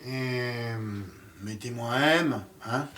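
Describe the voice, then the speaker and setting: A man's voice: medium pitch, slow, sharp tone, recorded from a distance, a little hiss or hum. A man giving a casual spoken series review, hesitant and full of fillers and restarts.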